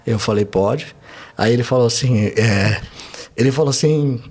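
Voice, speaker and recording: A man's voice: mid-range voice, moderate pace, a little mellow. A man, a pastor, giving a fervent testimony in a podcast interview and driving his points home with rhetorical questions.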